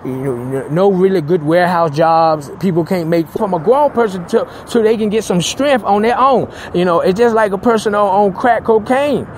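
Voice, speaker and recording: A man's voice: high-pitched, normal speed, few pauses, slight background noise. A middle-aged man with a Southern US accent, a pastor hosting his own radio talk show in a loose, rambling way with many restarts and amens. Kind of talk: casual talk radio monologue.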